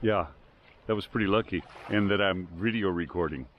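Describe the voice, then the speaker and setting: A man in his sixties chatting casually in a travel vlog, relaxed and enthusiastic, recorded outdoors on a camera mic. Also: low voice, normal speed, lo-fi sound, slight background noise. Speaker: travel vlogger. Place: outdoors by a glacier lagoon and roadside.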